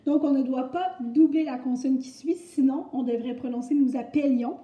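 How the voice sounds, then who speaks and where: A woman's voice: high voice, moderate pace, dark tone. Chatty Québécois woman teaching, echoey room. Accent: Québécois French. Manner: chatty, explains step by step with many fillers. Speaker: French teacher. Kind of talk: recorded grammar lesson. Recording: echoey, muffled room recording.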